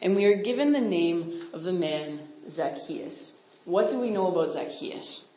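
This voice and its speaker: A Canadian woman, a missionary speaker, gives a casual Bible lesson in a lowish, mellow voice that is animated yet unhurried. She quizzes her listeners and chats along, sprinkling in lots of "like" and "right?" asides. The room echoes noticeably, and there's slight background noise.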